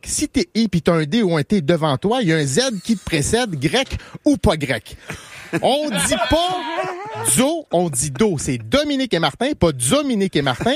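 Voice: mid-range voice, slightly rough. A radio host with a Québécois accent giving a comic mock lesson in a playful, mock-teacherly way, laughing through the rules. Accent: Québécois French.

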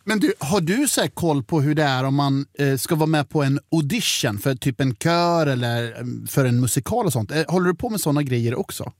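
A man hosting a radio prank show, playful and quick, often tripping over restarts. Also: on the high side, animated, dry recording, studio quality.

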